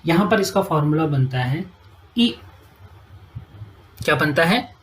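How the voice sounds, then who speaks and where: A woman teaching a Hindi grammar lesson at a whiteboard. She often checks "ठीक है", asks the class questions and answers them herself, and spells out sounds slowly. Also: low-pitched, animated, rough recording.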